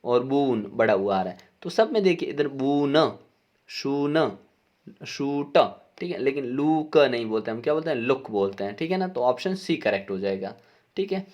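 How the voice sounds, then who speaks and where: A male teacher goes through an exam paper, reading each question out slowly before explaining it and frequently checking that his students are following. His voice is medium-pitched, expressive and a little mellow.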